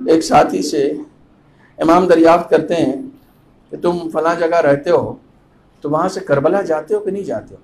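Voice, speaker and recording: A man delivering a Muharram majlis sermon as a cleric, impassioned, chanting Arabic phrases slowly and swelling to loud cries. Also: on the high side, a little hiss or hum.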